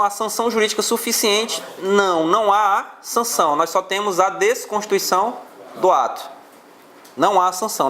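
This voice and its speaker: A man's voice: sits high, fairly bright tone, a little hiss or hum. A male law teacher with a Brazilian Portuguese accent, lecturing a class on exam questions and explaining step by step.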